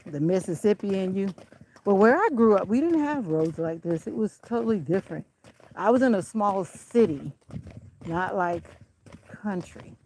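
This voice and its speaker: A woman's voice: medium pitch, lively intonation, normal speed, darkish tone, slight background noise, rough recording. A woman chatting casually while walking a country road, out of breath, filmed on a handheld camera. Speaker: vlogger.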